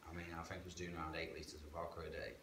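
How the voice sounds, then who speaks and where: Talking very fast, a low-voiced guest recounts his life story in candid testimony, frank, plain-spoken, and chatty, with local slang. A distant camera picks him up inside a reverberant, medium-sized church hall, with a steady hiss under his voice.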